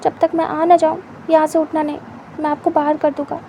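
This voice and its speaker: A woman's voice: sits high, little pitch movement, brisk, dark tone, slight background noise. A woman voicing a shy, flustered young man who protests in a huffy way.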